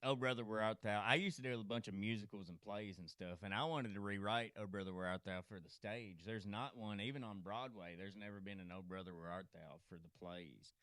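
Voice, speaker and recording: A man's voice: lowish voice, brisk, hardly any pauses, a bit bright, no echo, clean studio sound. A man hosting a podcast, talking in a rambling way and laughing easily. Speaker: podcast host. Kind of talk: casual chat. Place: podcast studio.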